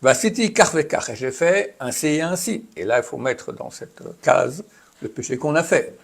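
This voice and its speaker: A man's voice: on the high side, lively intonation, moderate pace, vocal fry, husky. A man giving a religious lesson, reading Hebrew phrases aloud and explaining them in a chatty, conversational way. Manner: reads Hebrew text then translates and explains, chatty asides. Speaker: rabbi teaching a class. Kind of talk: Torah lesson, explaining texts.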